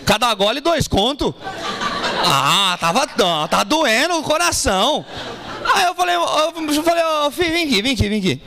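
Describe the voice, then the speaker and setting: A stand-up comedian with an extremely high-pitched voice performs at a moderate pace on a small café stage before a live audience. Animated and profane, he tells a story and acts out both sides of the dialogue.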